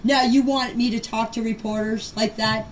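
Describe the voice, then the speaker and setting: Recorded as noisy amateur voice messages, this is an older woman's unscripted personal account. Her voice is on the high side with fairly even intonation and normal speed, yet she speaks emphatically and defensively, repeating phrases to push her point.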